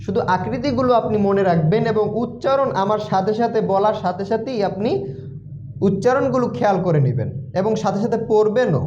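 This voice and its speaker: A man teaching the Arabic alphabet for Quran reading, slowly repeating each letter name over and over for the learner, with a Bangladeshi Bengali accent. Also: high-pitched, darkish tone, a little hiss or hum. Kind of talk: slow letter-by-letter recitation lesson. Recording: echoey room, dull lo-fi sound.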